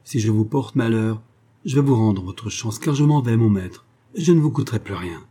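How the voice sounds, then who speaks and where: A man's voice: on the low side, moderate pace. A man doing a proud young servant girl. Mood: defiant. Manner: calm, clear, scornful.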